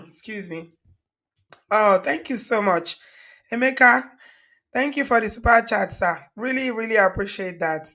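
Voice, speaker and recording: A woman's voice: mid-range voice, a bit bright. A woman with a Nigerian accent and a slightly froggy, cold-worn voice, chatting casually to viewers as host of a livestream show. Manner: chatty, repeats greetings and thanks. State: recovering from a cold.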